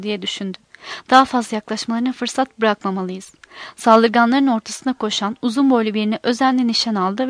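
A woman narrating a novel in a steady, measured reading voice. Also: medium pitch, no echo. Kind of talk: scripted narration of a war novel.

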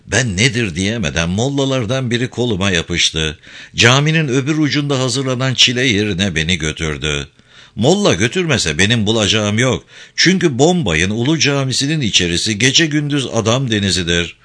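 A man's voice: medium pitch, sing-song, moderate pace, bright, forceful tone. A man narrating a first-person folk tale in a vivid storytelling manner.

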